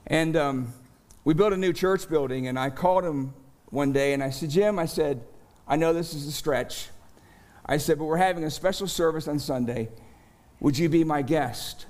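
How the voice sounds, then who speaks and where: A middle-aged male pastor preaching a sermon, telling a personal story slowly and deliberately, rising with emphasis at key moments. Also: a little high. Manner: storytelling, slow and deliberate with animated rises.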